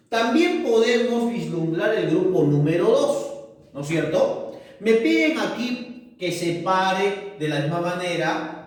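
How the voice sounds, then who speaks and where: A male teacher patiently explaining a lesson and often checking that his students follow along. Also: high-pitched. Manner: patient, keeps asking ¿correcto? and ¿no es cierto?. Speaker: language teacher. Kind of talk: recorded class explanation. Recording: echoey room, far from the mic.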